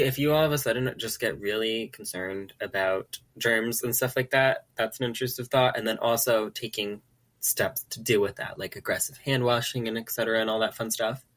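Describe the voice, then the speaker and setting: A man's voice: medium pitch, fairly bright tone. A man co-hosting a podcast in casual chat, talking in an earnest, slightly lecturing way. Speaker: podcast co-host.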